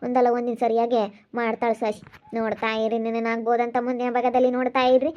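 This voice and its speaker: A woman playing a quarrelsome, sharp-tongued village woman in an amateur skit. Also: on the high side, level tone, close to an everyday voice. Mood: scolding. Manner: scolding, rapid back-and-forth bickering. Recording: dull lo-fi audio.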